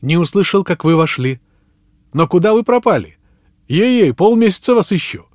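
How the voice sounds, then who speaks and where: Man putting on an eager chemist, high excited voice, exclaiming, dry close sound. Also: normal speed, no room sound. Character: excited red-mustached male chemist.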